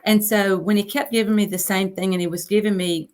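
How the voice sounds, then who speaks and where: A coach in her fifties chats about being an interview guest, repeating phrases for emphasis as she tells her story casually. Her mid-range voice has a darkish tone and fairly even intonation, and she talks briskly.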